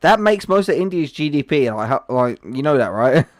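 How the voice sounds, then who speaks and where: With a fairly high, very animated voice at normal speed, a man runs a gaming livestream and keeps up chatty, joking talk with his audience, naming people in chat. There's no echo.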